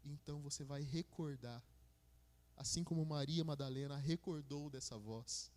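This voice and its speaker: A minister with a Brazilian Portuguese accent preaches in a church hall, the recording washed in long reverb. His darkish voice moves at a moderate pace, building to fervent, high-pitched passages as he calls listeners "my brother."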